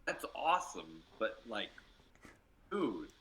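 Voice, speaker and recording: Bright-voiced animated man. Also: lowish voice, slow pace, low-quality recording. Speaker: player. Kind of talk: playful tabletop game chat.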